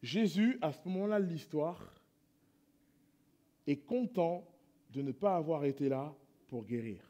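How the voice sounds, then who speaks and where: A man pastor preaching a sermon in church, moving between hushed prayerful passages and loud impassioned appeals. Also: fairly high pitch, animated, unhurried.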